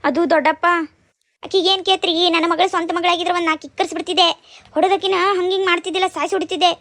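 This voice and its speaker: A woman voicing a furious, scolding middle-aged aunt in a cartoon, speaking with a North Karnataka Kannada accent in a shrill, threatening way. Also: fairly even intonation, fast talker, a bit bright, no room sound. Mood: angry scolding. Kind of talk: cartoon dubbing.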